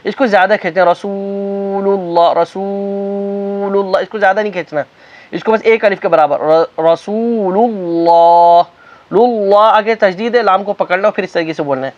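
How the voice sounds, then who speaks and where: A man teaching how to recite the call to prayer, explaining quickly and then chanting the phrases slowly and drawn out. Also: high voice, faint music behind. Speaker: religious teacher. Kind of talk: recitation lesson. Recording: dull lo-fi recording.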